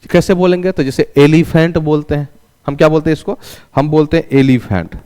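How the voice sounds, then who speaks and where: A man's voice: on the high side, a little fast, a little mellow, smooth, big-room sound. A male teacher giving a classroom English lesson, asking questions and answering them himself and having students repeat after him. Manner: calls students "raja".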